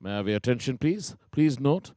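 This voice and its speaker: A man making formal racecourse announcements over the public address, heard through loudspeakers from a distance, calling out each item slowly and separately. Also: mid-range voice, expressive, no room sound, clean studio sound.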